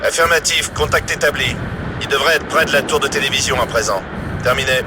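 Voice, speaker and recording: A man's voice: mid-range voice, fairly quick, heavy background noise. A man voicing a terse military radio operator in a video game, heard as a radio transmission with clipped radio procedure speech. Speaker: soldier on a radio link. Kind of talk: video game dub acting.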